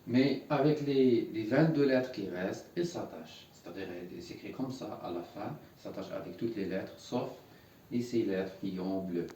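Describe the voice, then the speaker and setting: An Arabic teacher gives a classroom lesson at a whiteboard, patiently repeating words so learners can echo them back. His lowish, dark-toned voice moves at a normal speed. He sounds distant in an echoey room, with slight background noise.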